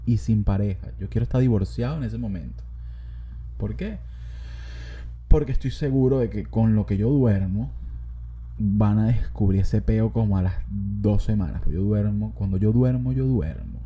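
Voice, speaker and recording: A man's voice: on the low side, normal speed, warm tone, slightly rough. A young man with a Venezuelan accent, hosting a podcast in a casual comedic monologue, joking, swearing and rambling as he talks. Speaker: podcast host.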